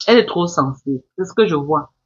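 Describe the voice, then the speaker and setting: A woman's voice: low-pitched, animated, fast. A woman hosting a Facebook live, taunting and scolding in a repetitive, mocking commentary. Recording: muffled lo-fi live stream.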